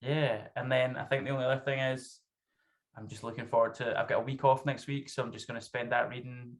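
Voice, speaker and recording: A man's voice: medium pitch, level tone, fast. A man in his thirties with a thick Scottish accent, chatting casually as a guest author in an interview. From Scotland. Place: small home room, video call. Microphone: video call.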